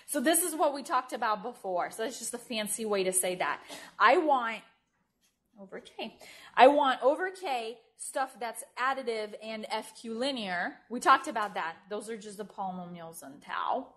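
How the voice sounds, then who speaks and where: A woman's voice: on the high side, expressive, moderate pace, a bit bright. A woman giving a university math lecture at a board in a lecture room, speaking informally, often checking in with "right?" and correcting herself as she writes. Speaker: mathematics lecturer.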